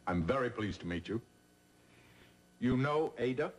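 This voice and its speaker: A man's voice: mid-range voice, lively intonation, measured pace, a little hiss or hum, natural voice. An actor playing a friendly, chatty married man who welcomes guests, in 1980s TV soap acting. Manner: friendly, chatty, laughs easily. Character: genial married host of a large estate.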